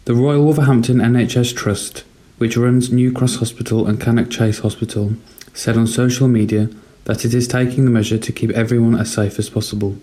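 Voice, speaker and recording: Mellow-voiced man reading the news. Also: mid-range voice, steady tone. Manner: measured, plain news delivery. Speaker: news reader.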